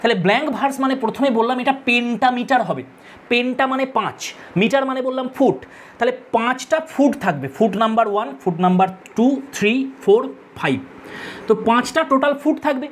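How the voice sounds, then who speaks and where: A woman's voice: on the high side, fairly quick. A woman with a Bengali accent teaches a literature lesson for exam students, explaining step by step, counting aloud and repeating key terms.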